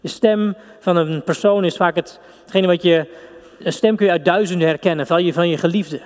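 Fervent man preaching in a hall. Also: high-pitched. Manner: fervent, intimate preaching with pauses. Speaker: pastor. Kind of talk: sermon and prayer. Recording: long hall reverb.

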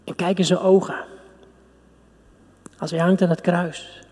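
Male pastor, fervent intimate sermon, slightly high voice, long hall reverb. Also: level tone, darkish tone. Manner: fervent, intimate preaching with pauses. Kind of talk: sermon and prayer.

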